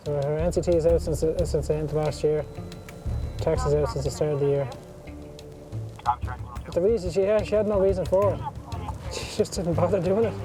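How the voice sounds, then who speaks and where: A man's voice: a little high, normal speed, long pauses. An Irish man speaking as a police officer at a roadside, explaining offences in an official, matter-of-fact way. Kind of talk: explaining vehicle offences and penalties. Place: outdoors at a roadside. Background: music and vehicle sounds.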